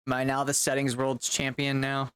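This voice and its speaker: Exasperated streamer talking to chat at a computer, smooth clear voice, mid pitch. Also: completely flat delivery, normal speed, fairly bright tone, no room sound. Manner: chatty, exasperated, swears and talks to chat. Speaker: game streamer. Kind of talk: casual live-stream chat.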